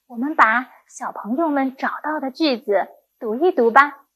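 A woman's voice: sits high, normal speed, fairly bright tone, breathy edge. A woman primary school teacher giving a recorded lesson to young children, speaking in a patient, encouraging way.

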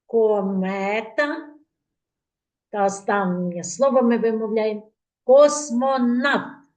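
A woman kindergarten teacher leading a speech lesson for preschool children, articulating each word clearly and prompting the group to repeat after her. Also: mid-range voice, a little mellow.

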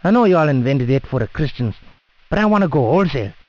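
Over a dull, lo-fi phone line, a prank caller with a South African Indian English accent rambles cheekily in slang. He talks fast in a medium-pitched, sing-song, slightly mellow voice with no echo.

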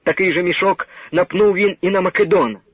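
A man giving a grave, measured dramatic reading of a novel as narrator. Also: sits high, breathy edge, no room sound. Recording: narrow old radio broadcast sound.

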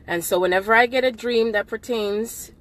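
A middle-aged spiritual livestreamer talks on an impromptu live video from inside a car at night, phone held at arm's length. A cold makes her a little nasal as she fervently repeats affirmations in a voice on the high side, at a moderate pace and a bit bright. The recording is low quality.

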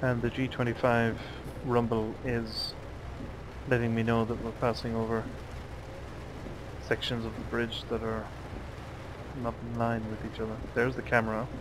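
A man's voice: medium pitch, completely flat delivery, moderate pace, background noise. A tired man casually commenting on his own truck driving game, musing aloud to himself. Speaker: let's play gamer. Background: truck driving game sounds.

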